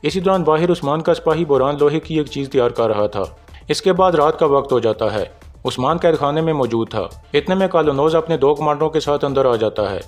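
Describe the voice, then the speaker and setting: A man's voice: on the high side, a little fast. Pakistani man narrating a drama recap. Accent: Pakistani Urdu. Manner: steady storytelling, reads out characters' lines in his own voice. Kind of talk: scripted narration. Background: faint background music.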